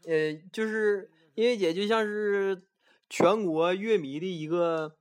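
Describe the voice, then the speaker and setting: A man with a Northeastern Mandarin accent chatting casually as a podcast co-host, telling stories with halting restarts. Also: high-pitched, clean tone. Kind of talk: casual chat.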